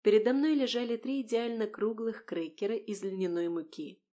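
A woman narrating a first-person audiobook with a wry, expressive delivery. Her voice sits at a middle pitch, and she paces the scene like a storyteller. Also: normal speed.

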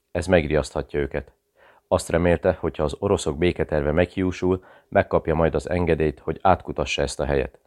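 Very deep-voiced male audiobook narrator. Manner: steady, measured reading.

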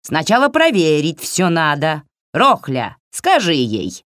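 A woman voicing a mocking, cunning old witch in a storybook reading, with a shrill, jeering manner. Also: wildly swooping pitch, takes it slowly, fairly bright tone, dry recording, studio quality, full character voice.

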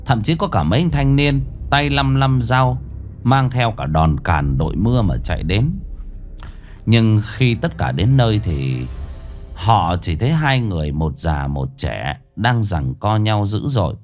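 A man narrating a ghost story in a dramatic, lively way. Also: lowish voice, a little slow, slight background noise. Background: faint music.

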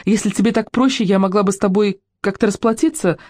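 A woman's voice: medium pitch, fast talker, a little mellow, dry recording, clean studio sound, pitched above the performer's own voice, lightly acted. A woman voicing a desperate young woman who pleads through tears. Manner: pleading, tearful.

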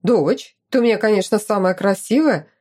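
A fond old-world duke with a dry, teasing way of speaking, as a woman narrator reads him. His voice comes across mellow and warm, and he talks to his family with gentle fatherly humor. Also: mid-range voice, moderate pace, natural voice.

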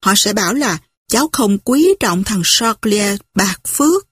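A woman's voice: mid-range voice, expressive, fairly bright tone, slightly rough, no echo, clean studio sound. A woman voicing a fussy, timid, tearful middle-aged aunt who frets and scolds in a rush. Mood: flustered scolding. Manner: flustered, fretting, fast.

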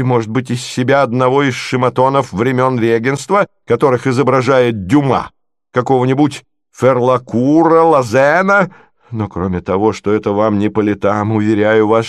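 A man's voice: mid-range voice, normal speed, no echo, clean studio sound, natural voice. A man voicing an indignant, domineering lady who presses with exasperated questions. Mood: reproachful. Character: indignant domineering middle-aged lady, scheming.

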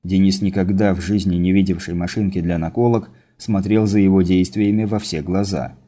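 A man reading a science fiction audiobook as narrator, in steady scripted narration. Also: sits low, normal speed.

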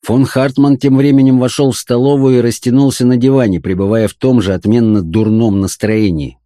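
A man narrating an audiobook with expressive storytelling. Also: medium pitch, brisk, no room sound, studio quality.

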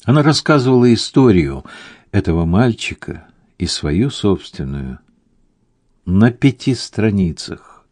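A man voicing a melancholy Sicilian man recalling a lost love in a slow, reflective way. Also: lowish voice, big pitch swings, a little mellow, no echo. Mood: wistful.

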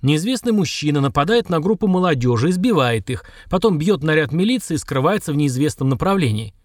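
A man reading an audiobook and voicing an angry, cold boss who berates his staff with slow, shouted words. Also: a little high, big pitch swings, no echo, clean studio sound. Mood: furious. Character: furious middle-aged male boss, cold and domineering.

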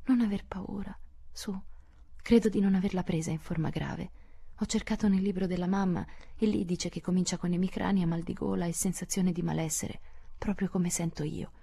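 A woman reading an audiobook, voicing a gentle, shy teenage girl in a soft, near-whispered voice. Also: lowish voice, steady tone, moderate pace, gravelly, breathy edge. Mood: anxious. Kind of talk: audiobook character voice.

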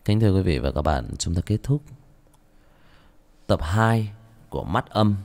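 Expressive male horror story narrator. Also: low-pitched, measured pace. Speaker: audiobook narrator and channel host. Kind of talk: horror audiobook narration, then casual chat.

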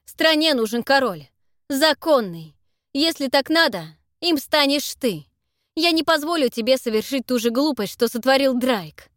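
A cold man barks orders in a raised, loud voice with steely, pitiless authority, as a woman reading the audiobook puts him on. The recording is dry and close. He does not soften. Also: high voice, expressive, normal speed, few pauses, dry recording, pitched above the performer's own voice. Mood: stern command. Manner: harsh, commanding.

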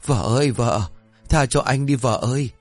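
A man's voice: fairly low pitch, animated, normal speed, soft background music. A man voicing a hapless young husband who brags and then pleads. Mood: pleading. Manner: cheerful bragging, pleading.

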